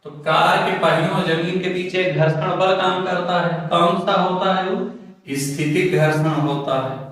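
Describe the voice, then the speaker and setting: A man's voice: high voice, steady tone, unhurried, a bit bright. A male physics teacher giving an exam-prep lecture, asking questions to the class and answering them himself. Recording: very echoey room, mic far off.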